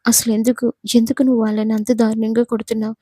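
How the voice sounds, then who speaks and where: A woman's voice: a little high, level tone, fast talker, slightly rough, no room sound. A woman doing a defiant tearful college girl. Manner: loud and accusing. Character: young female college student, defiant and tearful.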